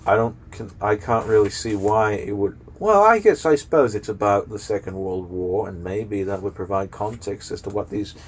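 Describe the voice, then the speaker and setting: A man's voice: on the low side, slight background noise. A young man casually talking through books he is giving away, rambling with lots of fillers. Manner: rambling, filler-heavy, unhurried. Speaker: book vlogger. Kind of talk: casual spoken book review.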